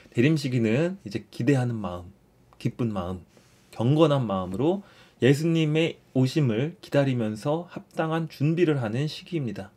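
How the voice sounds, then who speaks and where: A young man leads a relaxed catechism lesson in an easy, conversational way. He restates his points and keeps nudging listeners along with a prompting "so". His voice sits at a mid pitch for a man. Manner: explains warmly, repeats phrases, often starts with "자".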